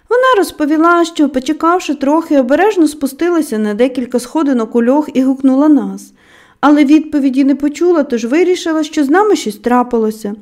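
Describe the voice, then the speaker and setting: A woman narrating an audiobook in a measured storytelling manner, letting her voice drop softly at the ends of phrases. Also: sits high.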